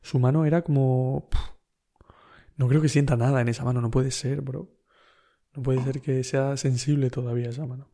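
A man with a Spain Spanish accent tells a story in a relaxed podcast monologue. His voice is very dark and mellow. He rambles along in a slangy way, full of fillers and asides to the listener. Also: mid-range voice, normal speed. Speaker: podcast host.

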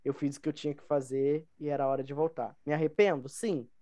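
A young man with a Brazilian Portuguese accent, a podcast guest casually telling personal stories and emphatically repeating his phrases. His voice is fairly high and warm with fairly even intonation, and he talks fast.

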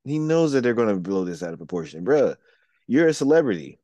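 A man's voice: fairly low pitch, sing-song, fairly quick, warm tone, no room sound, dull audio. A man co-hosting a casual podcast, talking bluntly and with a lot of swearing, and often taking the devil's advocate side. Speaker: podcast co-host. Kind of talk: casual chat.

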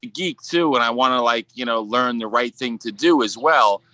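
A man speaks in a Brooklyn accent with a bright, slightly hard-edged voice at an average pitch. He talks casually as an interview guest, rambling and restarting as he thinks aloud. The sound is dry, with little room in it. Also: no echo. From Brooklyn, New York. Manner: halting, rambling, peppered with "you know". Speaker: podcast guest, sculptor.

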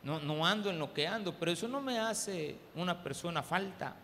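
A Salvadoran man preaches to his congregation, slipping into jokey anecdotes and calling out "hermano". His voice sits high with a rough, gravelly edge. The recording carries a long church-hall reverb over faint background noise. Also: lively intonation, moderate pace, bright, forceful tone. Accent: Salvadoran Spanish. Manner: humorous storytelling, addresses the congregation as "hermano". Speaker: pastor. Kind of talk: sermon with personal anecdotes. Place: church service.

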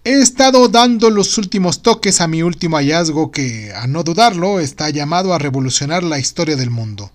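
A boastful male inventor, put on by a storyteller speaks in a raised pitch. He is pompous and exclamatory, full of grand optimism, as in an audio storybook. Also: animated, a little fast, hardly any pauses, natural voice. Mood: proudly confident.

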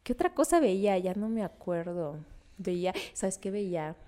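A woman's voice: mid-range voice, moderate pace. A young Mexican woman co-hosting a casual nostalgic chat, telling stories with slang and frequent laughs. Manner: animated, laughing, slangy storytelling. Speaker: podcast co-host.

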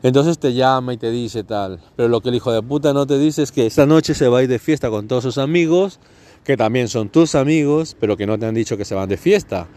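A man's voice: medium pitch, a little fast, mellow. A man from Catalonia, hosting a podcast in a sarcastic, profane comedic monologue. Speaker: podcast host.

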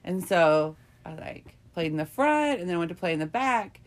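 A woman co-hosting a podcast, telling a story in frank, profane, animated casual chat. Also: on the low side, normal speed. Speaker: podcast co-host.

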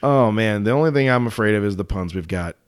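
A man's voice: lowish voice, lively intonation, quick pace, smooth. A man co-hosting a podcast in casual comedic chat, joking and laughing often, with frequent restarts. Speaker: podcast co-host.

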